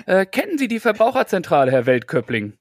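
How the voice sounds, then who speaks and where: A man's voice: high voice, big pitch swings, fast, dry recording, clean studio sound, voice pushed up, heavily acted. A man playing a mock-earnest tenant or surveyor in an improvised comic phone role-play, formal, polite and a little hesitant. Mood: officious.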